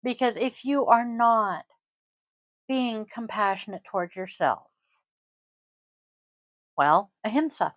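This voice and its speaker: A woman's voice: fairly high pitch, slow pace, pauses often, fairly bright tone, no room sound. A middle-aged woman hosting a podcast in casual chat, chatty, laughing often and swearing casually. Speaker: podcast host, yoga teacher.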